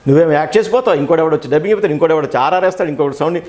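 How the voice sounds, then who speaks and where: A man who works as a dubbing artist and actor, giving an interview and telling stories with quick, animated delivery, acting out the dialogue he quotes. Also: fairly high pitch. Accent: Telugu.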